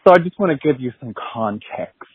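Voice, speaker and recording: Husky man calling in over a landline phone. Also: medium pitch, expressive, brisk, no room sound. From Florida. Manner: chatty, self-deprecating, with small laughs. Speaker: caller leaving a voicemail. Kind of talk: casual rambling voicemail. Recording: tinny phone-line voicemail.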